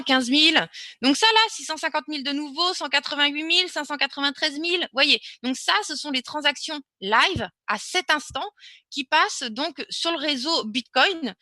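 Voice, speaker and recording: Bright, high-voiced woman hosting a webinar. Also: no echo. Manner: chatty, hesitant with many fillers and restarts. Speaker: webinar presenter. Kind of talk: live webinar Q&A, casual explaining.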